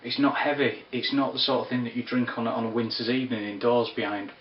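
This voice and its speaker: A man giving a casual spoken whisky review, unhurried and descriptive with wry asides. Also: medium pitch, level tone, a little hiss or hum. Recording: roomy, distant, dull lo-fi sound.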